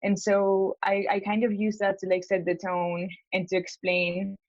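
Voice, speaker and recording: A young woman from Spain on a coaching call talks hesitantly, restarting sentences and filling pauses. Her voice is dry and close, with slightly dull video-call audio. She sits at a middling pitch. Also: monotone, darkish tone, dry recording. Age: young adult. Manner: hesitant, many fillers and restarts. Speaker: law school applicant.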